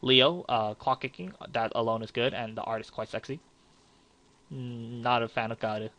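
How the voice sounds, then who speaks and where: A man's voice: medium pitch, normal speed, a bit bright. A young man giving casual, frank card game commentary, rambling with fillers and restarts.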